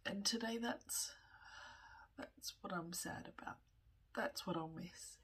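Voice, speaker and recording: A woman in her thirties, tearful with a running nose, talking candidly in a personal vlog, often in a breathy whisper and pausing as she goes. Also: medium pitch, a bit bright. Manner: slow, halting, candid, with small laughs. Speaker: vlogger.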